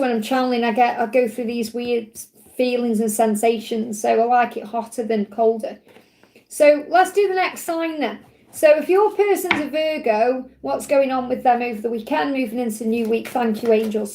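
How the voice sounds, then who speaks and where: Middle-aged female tarot host, high-pitched yet soft-edged and mellow, a little croaky, reassuring live-reading delivery. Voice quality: slightly croaky when hot. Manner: reassuring, repeats points in parallel phrases.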